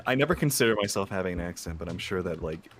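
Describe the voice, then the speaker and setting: A man's voice: sits low, expressive, racing, a bit bright, slight background noise. A man in casual stream chat, rambling with many fillers and frequent laughs.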